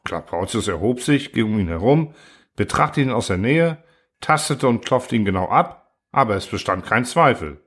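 A man reading a story aloud as narrator, with animated storytelling. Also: fairly low pitch, moderate pace, slightly rough. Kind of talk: scripted narration.

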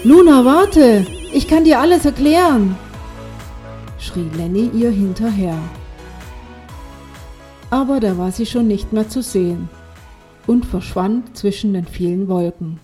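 Slow, mellow woman storyteller. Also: medium pitch. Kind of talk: children's story narration.

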